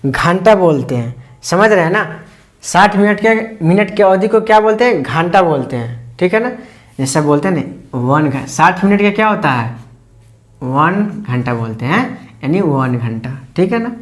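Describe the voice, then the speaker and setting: A teacher explaining a lesson step by step, asking short check-in questions and answering them, repeating key words slowly. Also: medium pitch, expressive. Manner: quizzing tone, constantly asks "ठीक है ना?" and answers own questions; slow, repetitive step-by-step explanation. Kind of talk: explaining English lesson to students.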